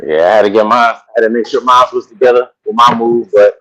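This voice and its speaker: A man in casual sports-show chat, laid-back and agreeable, quick to back others up. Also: medium pitch, fairly even intonation, pushed and bright. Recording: dull lo-fi mic.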